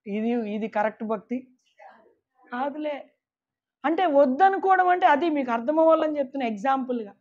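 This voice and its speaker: A woman's voice: high-pitched, expressive, moderate pace, pauses often, darkish tone. A woman preaching a sermon to a women's meeting, emphatic, often calling out hallelujah and asking the listeners questions. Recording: dull lo-fi recording.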